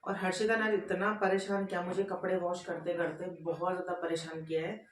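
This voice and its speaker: A woman's voice: fairly low pitch, flat delivery, a little fast, slight background noise. A woman in her thirties, a mother, chatting casually in a daily home vlog and repeating herself as she goes about her housework. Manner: chatty, repeats herself, talks while doing chores. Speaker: vlogger, mother of two. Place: home, kitchen and rooms.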